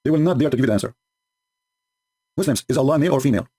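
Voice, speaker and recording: A man's voice: medium pitch, racing, dark tone, breathy edge. A man whose first language is not English, hosting a livestream and mocking his opponents sarcastically, with frequent laughs and broken English. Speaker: host.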